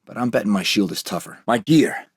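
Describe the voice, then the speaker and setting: Captain America, a determined American soldier. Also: male voice, on the low side, lively intonation, fairly quick, husky, no echo. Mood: focused, determined. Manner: resolute, dry wisecracking. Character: brave, determined young American super-soldier captain in wartime. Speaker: video game hero. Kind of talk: scripted video game voice lines.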